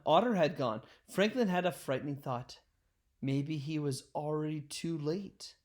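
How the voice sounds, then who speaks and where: With a fairly high pitch, a man narrates a children's picture book in a deliberate, expressive way, the way a storyteller would.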